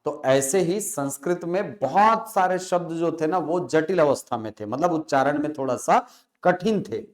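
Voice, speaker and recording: A man teaching a classroom lecture. He asks questions, answers them himself, and repeats key words slowly to stress them. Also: fairly high pitch, darkish tone.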